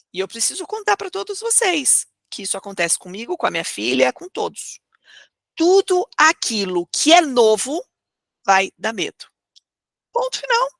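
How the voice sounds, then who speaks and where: Brief: woman coach, expressive teaching, gravelly edge, close dry sound. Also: medium pitch, no echo. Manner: expressive, rhetorical questions, acts out inner thoughts. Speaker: emotional coach. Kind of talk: motivational teaching talk.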